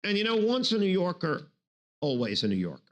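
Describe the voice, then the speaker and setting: A man's voice: sits high, brisk. A man from Brooklyn, giving a law lecture full of jokes and playful put-on voices. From New York City, Brooklyn. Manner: jokey, animated, acts out silly voices. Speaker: law professor. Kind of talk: recorded bar review lecture.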